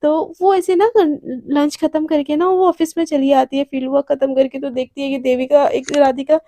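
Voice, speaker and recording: Brief: young female storyteller, chatty and rambling, high pitch, mellow tone. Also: steady tone, moderate pace, no room sound, clean studio sound. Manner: chatty, rambling, repeats words. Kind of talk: casual oral storytelling.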